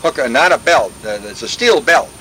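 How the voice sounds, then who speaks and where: An older veteran telling war stories in a rambling, folksy way, full of restarts and sound effects. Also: male voice, mid-range voice, expressive, a little fast, pushed and bright, a little hiss or hum, rough recording. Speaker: veteran interviewee. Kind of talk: oral history war reminiscence.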